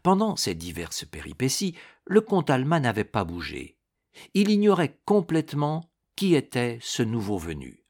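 A man narrating a swashbuckling novel in a dramatic, expressive storytelling style. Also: mid-range voice, moderate pace. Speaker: audiobook narrator. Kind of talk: scripted narration.

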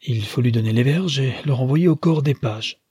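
A man's voice: mid-range voice, moderate pace, warm tone, breathy edge, no echo, studio quality, pitched above the performer's own voice. A man voicing a corpulent, flustered father who stammers out astonished exclamations. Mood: bewildered.

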